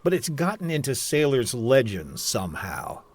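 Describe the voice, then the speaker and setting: A man's voice: medium pitch, big pitch swings, moderate pace, slight background noise, natural voice. A man playing a musing, uneasy yacht host. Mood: ominous. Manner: musing, easygoing, chuckling. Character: thoughtful adult male yachtsman host, uneasy about omens. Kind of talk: old-time radio drama acting.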